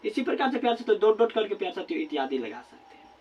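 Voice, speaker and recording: High-voiced man teaching grammar slowly. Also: sing-song, husky, highs cut off. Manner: repeats words slowly while writing, constant filler phrase. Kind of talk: classroom grammar lesson at a board. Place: classroom with a board.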